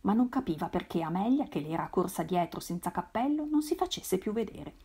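A woman reading a novel aloud in a measured, expressive way. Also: medium pitch, breathy edge. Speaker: reader. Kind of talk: literary read-aloud.

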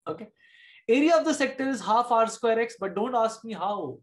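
A man's voice: very high voice, expressive, normal speed. Casting: male maths teacher, middle-aged, Indian accent, informal live online class, frequent short check-in questions. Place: indoors at a desk, screen-share video class.

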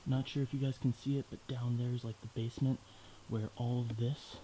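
A young man exploring a ruined house outdoors, narrating his vlog loudly to a handheld camera at arm's length, now and then dropping to hushed asides. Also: medium pitch, fairly quick, poor audio. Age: young adult. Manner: loud and excited, drops to hushed asides. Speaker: vlogger. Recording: outdoor camera audio with clear ambient noise.

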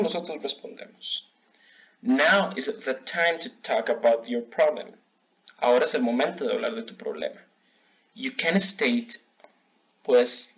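Slow teacher, dull audio. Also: male voice, on the high side, fairly bright tone. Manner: slow, clear model phrases for learners to repeat. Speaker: English teacher. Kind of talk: bilingual language lesson. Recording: dull lo-fi recording.

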